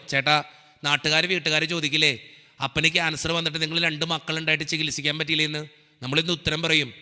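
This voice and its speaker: Fast, bright-voiced young priest preaching. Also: male voice, a little high. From Kerala. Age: young adult. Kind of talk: storytelling sermon. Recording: long hall reverb.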